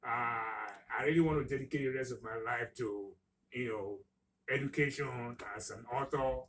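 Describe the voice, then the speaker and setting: A man in his sixties, a guest author in a radio studio interview, talking in an unhurried, hesitant way with many fillers. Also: mid-range voice, fairly bright tone, far from the mic, rough recording. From Nigeria. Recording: voice a little off-mic.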